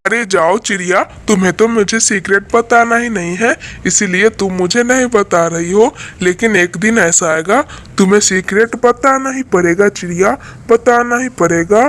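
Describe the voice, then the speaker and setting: A man's voice: sits high, normal speed, hardly any pauses, a bit bright. A man voicing a sly, jealous male crow in a cartoon story, with a whiny, scheming way of talking. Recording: echoey roomy recording.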